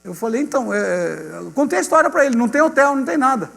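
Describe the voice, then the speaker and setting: A male pastor with a Brazilian accent tells a testimony from the pulpit, voicing each person in the story with lively turns. His voice sits high for a man and rings out with a long hall reverb. A low mains hum runs underneath. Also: fast, creaky. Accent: Brazilian Portuguese. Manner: animated storyteller acting out dialogue, addressing congregation as "gente".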